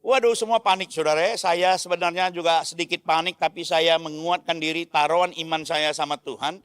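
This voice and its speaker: A middle-aged male pastor preaching a sermon, telling a story with lively acted-out dialogue and often turning to the congregation. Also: fairly high pitch, a little fast, smooth, no room sound, studio quality. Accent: Indonesian. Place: large church hall.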